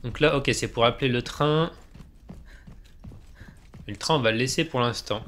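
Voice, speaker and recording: A man's voice: mid-range voice, normal speed, fairly bright tone. A man casually commentating a video game he plays, joking and chatting with himself. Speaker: let's play gamer. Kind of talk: casual let's play commentary.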